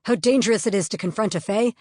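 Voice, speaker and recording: A gruff male government agent, curt and condescending, as a woman reads him in an audiobook. He fires off questions in a clipped, impatient way. The recording is close and dry. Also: lowish voice, fast talker, no room sound, close to an everyday voice. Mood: brusque. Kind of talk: audiobook character voice.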